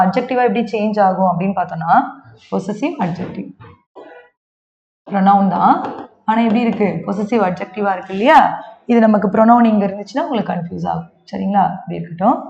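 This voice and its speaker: A woman's voice: mid-range voice, gravelly, a little mellow. A woman with a Tamil accent teaches English grammar and explains each point patiently. She often checks whether her students have understood. The sound is roomy and a bit muffled. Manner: mixes Tamil and English, keeps asking the class to check understanding. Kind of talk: exam-prep grammar lesson.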